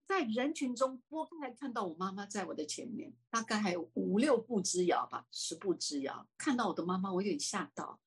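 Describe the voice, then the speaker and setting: A husky-voiced woman telling a personal faith testimony in an interview. She swings between excited, high exclamations and hushed, quiet speech, at a middle pitch. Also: brisk, hardly any pauses. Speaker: interview guest.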